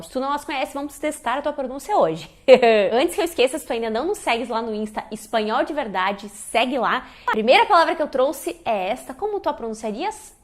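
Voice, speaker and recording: Young woman, casual lesson host, bit high voice, quizzing the viewer. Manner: lively, quizzes the viewer, gives spoken examples. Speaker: Spanish teacher, channel host.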